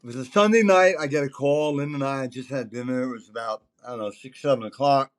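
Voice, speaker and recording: Speaking quickly at a medium pitch, a man in his seventies rambles through emphatic, salty stories on his podcast, drawing on his past as a concert promoter.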